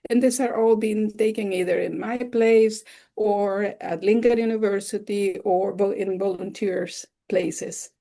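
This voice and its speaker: This webinar instructor is a Salvadoran woman whose first language is Spanish; her voice is slow and gravelly, medium in pitch, steady and warm. She delivers her slide-based lecture with enthusiasm, explaining things as she goes.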